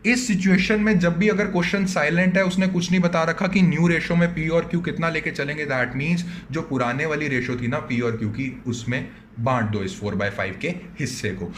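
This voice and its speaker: Slight background noise accompanies this man's fairly high voice. He's a commerce teacher with an Indian accent teaching accountancy online, addressing the class as "बच्चों" and voicing their questions aloud.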